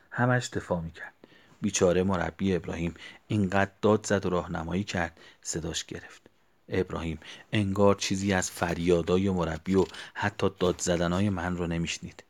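Brief: male storyteller, very low voice, hushed and near-whispered delivery. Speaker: narrator. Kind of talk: storytelling narration.

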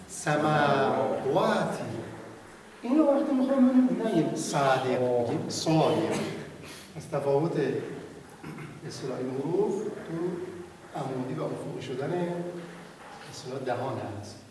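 A man teaching Quran recitation in class, stretching out sounds slowly and having students repeat. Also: mid-range voice, lively intonation, crowd noise. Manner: demonstrates sounds by drawing them out slowly. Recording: echoey room from far off, faint noise.

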